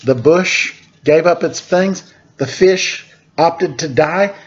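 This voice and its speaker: Here a slightly high-voiced man takes his time over a picture book at story time, playful throughout and breaking off for offhand remarks on the illustrations. The recording has its highs cut off.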